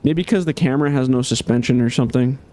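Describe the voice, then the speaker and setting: A man giving casual gameplay commentary as a game modder, chatty and thinking aloud with many fillers, slightly hoarse. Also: mid-range voice, fast talker, dark tone.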